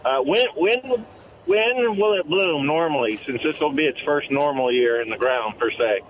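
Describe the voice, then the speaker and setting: A man's voice: on the high side, moderate pace. A man calling into a radio show on a hands-free car speakerphone while driving, rambling through detailed questions and correcting himself as he goes. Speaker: caller. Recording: muffled car speakerphone line. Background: faint car noise.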